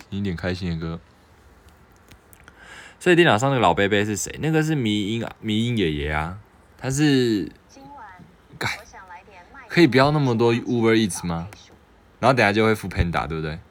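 A young man with a Taiwanese Mandarin accent hosts a relaxed livestream. He reads viewer questions aloud and answers them in a joking, offhand way. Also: lowish voice, normal speed, long pauses. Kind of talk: casual livestream chat.

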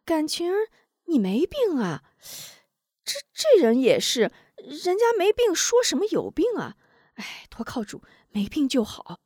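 Fields: Figure: fussy older village aunt, voiced by a woman. Pitch: high. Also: huge pitch swings, a little slow, darkish tone, no echo, clean studio sound, exaggerated voice. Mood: startled, fussing.

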